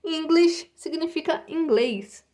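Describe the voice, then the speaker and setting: High-voiced teacher drilling pronunciation slowly. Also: female voice, darkish tone. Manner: slow, repetitive pronunciation drills with frequent "tá?" and "né?". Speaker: English teacher. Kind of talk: recorded online lesson for children.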